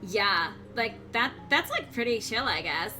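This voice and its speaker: Bubbly high-pitched Valley sorority girl. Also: expressive, a little slow, pushed and bright, soft background music. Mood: laid-back, breezy. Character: bubbly sorority-girl monster gal, ditzy and gossipy.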